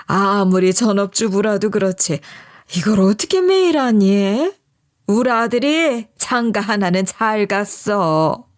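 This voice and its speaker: A woman's voice: mid-range voice, animated, slow. A woman voicing an older mother-in-law who marvels at her daughter-in-law's cooking in a spoken story. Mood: amazed. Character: doting older mother-in-law praising her son's wife.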